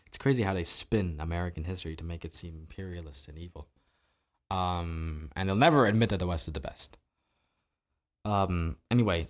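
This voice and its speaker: A man from New Jersey hosting a solo political commentary podcast, talking in a sarcastic, opinionated way with rhetorical questions. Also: low-pitched. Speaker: podcast host.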